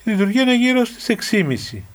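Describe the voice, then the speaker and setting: An older man, a priest answering radio callers in a gentle, fatherly, calm way. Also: high-pitched. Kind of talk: radio phone-in counsel.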